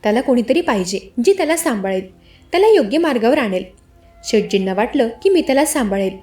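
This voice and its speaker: A patient young wife who speaks softly and keeps her voice down, as a woman narrator puts her on. The voice sits high, with a lively pitch. A storybook reading over faint music. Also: fast talker, natural voice. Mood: gentle. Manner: soft, hushed. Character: patient young married woman, elder sister, gentle.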